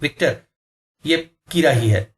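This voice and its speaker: A man voicing a terrified young woman named Martha, crying out in a high shrieking falsetto, in a spoken horror story. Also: takes it slowly. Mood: insistent.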